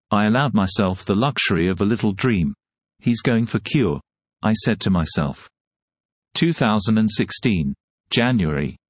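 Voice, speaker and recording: Man, lowish voice, dry close sound; steady, measured read-aloud of a first-person account. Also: no room sound.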